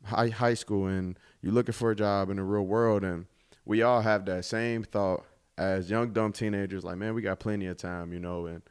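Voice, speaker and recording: Young man, podcast host, low-pitched, smooth resonant voice, relaxed reflective chat. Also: normal speed. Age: 20s. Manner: laid-back, reflective, drops casual swearing. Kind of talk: casual solo podcast monologue.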